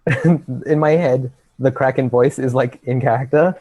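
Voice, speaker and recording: A man running a tabletop game, casually and haltingly guiding players through rules with encouraging prompts. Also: medium pitch, fairly even intonation, a little mellow, no echo. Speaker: game master.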